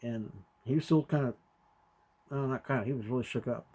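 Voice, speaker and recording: Animated storytelling man. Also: medium pitch, brisk. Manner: animated, acts out quotes with sudden loud jumps. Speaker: podcast co-host. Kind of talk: conversational storytelling.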